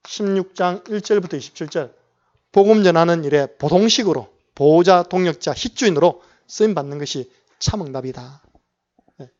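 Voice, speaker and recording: A man's voice: on the high side, a little mellow, muffled recording. A male pastor with a Gyeongsang Korean accent, telling a Bible story in a sermon and often asking the congregation questions. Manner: storytelling preacher who asks the congregation questions and acts out quotes. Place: church sanctuary.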